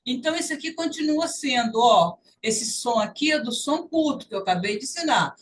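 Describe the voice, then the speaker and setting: Woman, Brazilian accent, high voice, patient teacher, faint background noise. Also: lively intonation, recorded from a distance, poor audio. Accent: Brazilian Portuguese. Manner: patient, repeats sounds slowly to demonstrate. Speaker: language teacher. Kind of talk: online English lesson.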